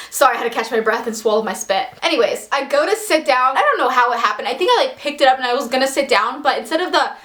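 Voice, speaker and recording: A woman's voice: high voice, animated, quick pace, a bit bright. A young woman telling personal stories in a casual storytime vlog, chatty and self-deprecating, with lots of "like" fillers. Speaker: vlogger.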